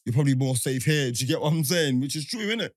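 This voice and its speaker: A podcast host with a London roadman accent tells stories in casual banter, packed with urban street slang and tag questions. His medium-pitched voice is animated and fast, with no room sound.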